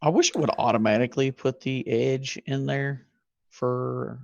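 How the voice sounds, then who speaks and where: A man's voice: medium pitch, fairly even intonation, unhurried, creaky, darkish tone, no echo, highs cut off. A man playing a tabletop role-playing game, easygoing and chatty. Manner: easygoing, swears when frustrated. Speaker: player. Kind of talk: tabletop game play, casual chat.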